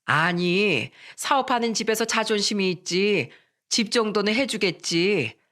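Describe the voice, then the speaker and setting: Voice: medium pitch, moderate pace, pushed and bright, lightly acted. A storyteller voicing a brazen, pushy future mother-in-law who speaks condescendingly.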